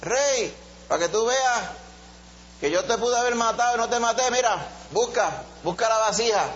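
A man's voice: extremely high pitch, expressive, moderate pace, fairly bright tone, voice pushed up. A man voicing a young warrior who earnestly pleads with a king, in a muffled recording. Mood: pleading. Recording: muffled recording with faint hum.

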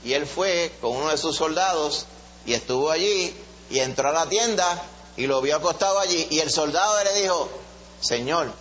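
A preacher tells the Bible story in an animated way, slipping into voices for its characters. His voice sits somewhat high for a man. The recording sounds dull and muffled, with a faint hum under it. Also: normal speed. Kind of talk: Bible study sermon.

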